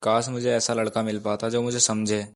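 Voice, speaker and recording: A man voicing a troubled young woman who is bitter about love, with a flat, even reading in a storytelling style. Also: on the low side, normal speed, lightly acted. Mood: brooding. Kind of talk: storytelling voice of a character.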